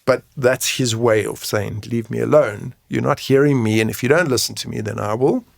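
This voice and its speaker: Here a men's mental health coach and advocate, appearing as a guest, explains things plainly and conversationally, checking his points with frequent tag questions. His voice is mid-range and gravelly at a normal pace, recorded in studio quality with no echo.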